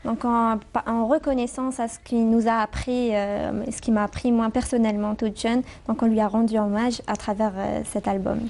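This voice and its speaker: Female musician guest, Algerian accent, warm dark tone, fairly high, measured interview answers with searching pauses. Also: little pitch movement. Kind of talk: interview conversation.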